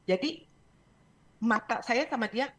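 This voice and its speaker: Middle-aged woman coach on a radio show; animated storyteller who code-switches into English. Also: on the high side, a little slow, breathy edge. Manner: lively storytelling, sprinkles English phrases. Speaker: parenting and emotion coach, guest. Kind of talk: radio talk show interview.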